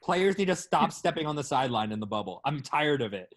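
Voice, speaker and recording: A man's voice: a little high, very animated, quick pace. A man co-hosting a casual sports podcast, rambling and hedging with lots of fillers. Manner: rambling, hesitant, many fillers. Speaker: podcast co-host.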